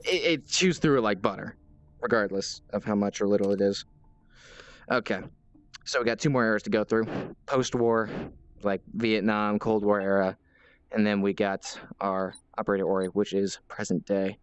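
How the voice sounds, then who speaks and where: A man's voice: fairly even intonation, normal speed, smooth, no room sound, highs cut off. Rambling, self-mocking man commenting on gameplay. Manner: bursts into high panicked yelps when under fire. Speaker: gaming video host. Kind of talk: casual let's-play commentary.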